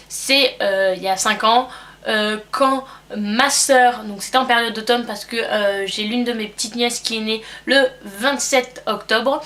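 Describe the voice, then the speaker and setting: Answering a tag in a casual chat at home, a young French woman talks as a beauty vlogger despite having a cold. She rambles hesitantly and uses plenty of fillers, in a fairly high, fairly bright voice.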